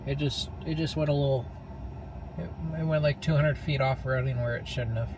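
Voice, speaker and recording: A man chatting casually in an offhand, halting way as he streams. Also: medium pitch, fairly even intonation. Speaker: vlogger, live-streaming reporter. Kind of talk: casual chat. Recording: loud vehicle and road noise.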